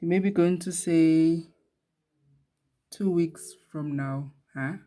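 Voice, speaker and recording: A woman talks viewers through a beading pattern step by step. Her voice sits fairly low and she takes her time, chatty and quick to laugh at her own slips. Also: dark tone. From Eswatini. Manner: slow, chatty, laughs at herself. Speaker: beading tutorial host. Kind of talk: casual craft tutorial.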